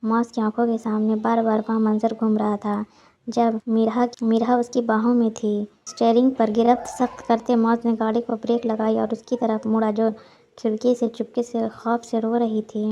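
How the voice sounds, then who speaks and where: Woman storyteller, storybook narration, steady, monotone, dark mellow timbre. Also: a little high, normal speed, muffled recording.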